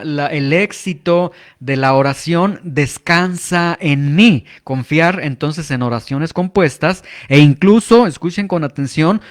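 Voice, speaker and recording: A man preaching a teaching sermon, explaining calmly with frequent filler pauses. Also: on the high side.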